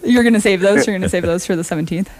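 A woman hosting a radio interview, upbeat and quick to laugh. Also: mid-range voice, darkish tone, no echo. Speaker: radio host. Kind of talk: interview banter.

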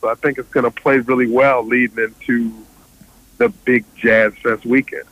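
A man, a stand-up comedian guest, joking with deadpan delivery and lots of fillers. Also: medium pitch, normal speed, dry recording, dull audio. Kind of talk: joking interview banter.

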